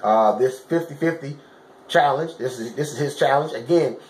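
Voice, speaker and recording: Here the fitness coach talks at a normal speed, his medium-pitched voice a little mellow. He keeps to informal, emphatic, repetitive phrasing aimed at the camera, often asking whether viewers are following, in a roomy, echoing space.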